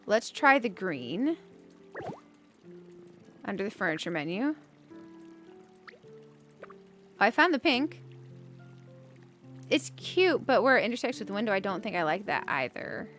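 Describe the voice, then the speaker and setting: Bright, lively woman streamer. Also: mid-range voice, unhurried, pauses often, faint music behind. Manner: chatty, thinks aloud, giggly bursts. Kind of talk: casual gameplay commentary.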